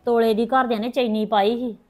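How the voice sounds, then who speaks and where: A woman's voice: fairly high pitch, fairly even intonation, fairly quick, darkish tone, soft background music, close to an everyday voice. A middle-aged woman playing a worried mother who visits her sister-in-law and pleads anxiously for help, in a family drama. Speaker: character in a family drama vlog. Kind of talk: hobby village family drama.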